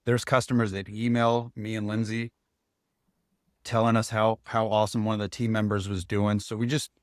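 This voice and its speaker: Low-voiced man, dry close sound. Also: normal speed, no echo. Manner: relaxed, candid, many restarts. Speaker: guest insurance agent. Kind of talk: podcast interview.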